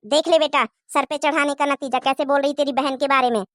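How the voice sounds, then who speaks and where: A woman's voice: high-pitched, steady tone, fairly quick, fairly bright tone, no echo, studio quality. A woman voicing a bossy, scornful mother-in-law in a cartoon moral story, nagging and taunting. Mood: scolding.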